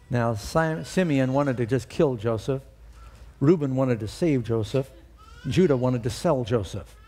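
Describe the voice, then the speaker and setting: A middle-aged man preaching a sermon as pastor, telling Bible stories and personal anecdotes and lifting his voice high and loud for quoted lines.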